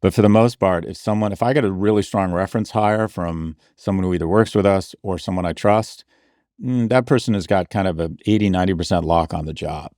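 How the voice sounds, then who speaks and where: Deep-voiced blunt man hosting a podcast. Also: fairly quick, a little mellow, no echo, studio quality. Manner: blunt, wry and self-mocking. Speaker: podcast host. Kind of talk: casual podcast advice and ad read.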